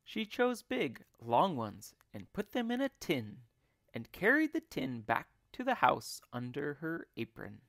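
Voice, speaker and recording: Slow, animated man reading a storybook. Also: fairly high pitch, gravelly, no echo, clean studio sound. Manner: expressive, deliberate reading. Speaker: English teacher. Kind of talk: children's read-aloud storytelling.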